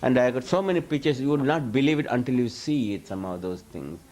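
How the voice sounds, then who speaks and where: With an expressive, slightly mellow mid-range voice and a quick pace, this man, a spiritual teacher, answers questions before a live audience in a casual lecture. He rambles, often begins sentences again, and chuckles as he speaks.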